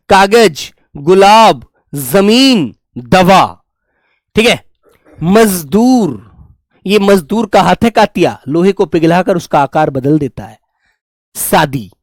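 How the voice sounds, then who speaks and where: A man with a fairly high voice teaches an exam-prep lesson, fondly calling his students his children as he goes through word lists. His speech is recorded close and dry, with no room sound. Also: dry recording. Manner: addresses students as "my children", repeats words slowly.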